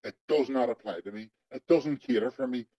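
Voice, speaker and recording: A man's voice: medium pitch, a little fast, mellow, no echo. Man with a digitally disguised voice. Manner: blunt, emphatic, heavy swearing, repeats for stress. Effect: voice digitally altered to disguise identity. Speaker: interviewee, former undercover agent. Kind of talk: angry first-person testimony in an interview. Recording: dull lo-fi audio over a remote connection.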